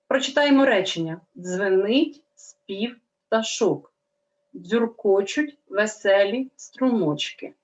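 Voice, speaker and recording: A woman teacher giving a lesson to young children, pronouncing each sound slowly and carefully. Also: on the high side, dull audio. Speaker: primary school teacher.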